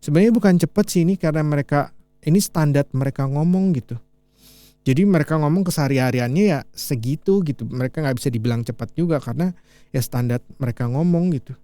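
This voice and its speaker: A male teacher from Indonesia giving a casual language lesson, repeating lines slowly and then explaining them in relaxed, chatty speech. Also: fairly high pitch, no room sound. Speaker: English teacher.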